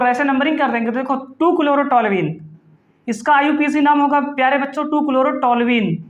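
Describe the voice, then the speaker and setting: A man's voice: very high-pitched, fairly bright tone, reverberant, highs cut off. A male chemistry teacher giving an online class, playful and teasing, calling his students "beta" and answering his own questions. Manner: calls students "beta" affectionately.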